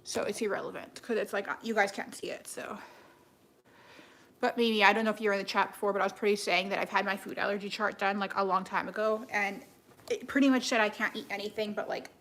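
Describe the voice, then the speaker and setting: With her nose stuffed up, a young woman streams casual chat to viewers, rambling through lots of fillers and false starts. The voice is mid-range, steady and fairly bright, moving at a quick pace, in an echoey room with clear noise behind it.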